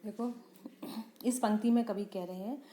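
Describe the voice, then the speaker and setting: A woman teacher explaining a poem line by line. She asks questions and answers them herself, and she slows down for the poem lines. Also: medium pitch, steady tone, warm tone, echoey room. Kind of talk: Hindi poem explanation lesson.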